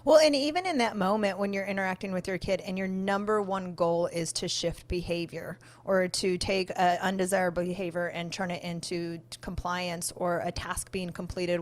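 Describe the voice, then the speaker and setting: A woman co-hosting a parenting discussion, explaining her points earnestly. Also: lowish voice. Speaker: podcast co-host, family services worker. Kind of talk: conversational discussion.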